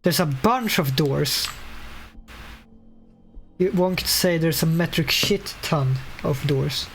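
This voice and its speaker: A man streaming a horror game who thinks out loud in a laid-back way and swears freely. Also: fairly high pitch, takes it slowly, creaky, faint music behind. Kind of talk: casual let's-play commentary.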